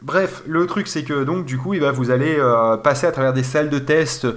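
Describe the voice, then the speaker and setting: A man's voice: mid-range voice, fairly quick. A man in casual chat, describing a video game with many fillers and restarts. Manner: rambling, hesitant, lots of fillers. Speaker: video game podcast co-host.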